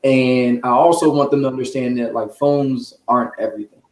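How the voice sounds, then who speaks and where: Fairly quick and steady, this guest's mid-range voice has a darkish tone. The US children's author and sports journalist explains things earnestly and conversationally in an interview recorded with echoey room sound.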